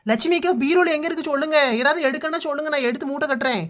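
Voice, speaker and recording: A woman doing a brisk, helpful girl. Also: high-pitched, fairly bright tone. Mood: urging. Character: helpful young village woman, practical. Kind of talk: cartoon voice acting.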